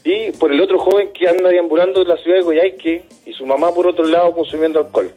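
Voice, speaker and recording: A man speaks in a radio interview, earnest and halting, with a husky, mellow voice pitched a little high. He repeats words as he goes, and faint music sits under a radio broadcast sound. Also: fairly even intonation. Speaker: dismissed youth care worker, interviewee.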